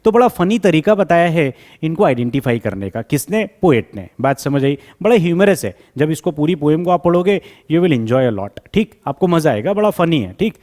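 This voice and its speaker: Man giving a slow, drawn-out revision lesson. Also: on the high side, very animated, a little mellow. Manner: switches between Hindi and English, reads English lines slowly and deliberately; checks in often with students, calls them "beta". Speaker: English teacher.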